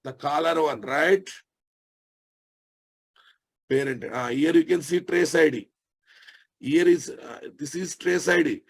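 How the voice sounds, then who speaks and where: A live technical lesson comes from a software instructor with an Indian Telugu accent whose fairly high voice is creaky with a breathy edge. He speaks slowly with long pauses, repeating each phrase and checking that listeners are with him.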